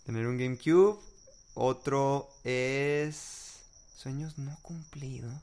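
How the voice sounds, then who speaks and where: A man's voice: mid-range voice, slow, a little mellow. A young man with a Mexican accent in casual conversation, telling personal anecdotes in a candid way.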